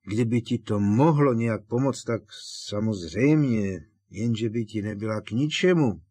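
A man voicing an elderly, fussy and sentimental potions teacher in an audiobook, talking in halting, emotional bursts. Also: lowish voice, warm tone, husky, dry recording. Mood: tearful.

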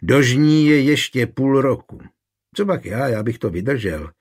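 Reader doing steady village man, blunt but warm, husky and firm, audiobook. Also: mid-range voice, pitched above the performer's own voice.

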